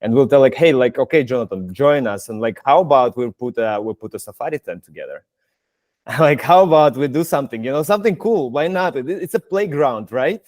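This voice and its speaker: Laughing, animated male host. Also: medium pitch, brisk, no room sound. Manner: animated, laughing, restarts sentences. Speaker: community project host. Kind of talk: casual online Q&A. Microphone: video call.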